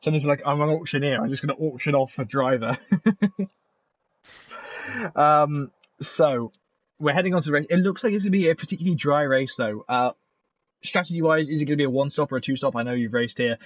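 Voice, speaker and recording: A man commentating on an online sim race, fast and animated, with chatty asides between calls. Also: mid-range voice, no echo, highs cut off.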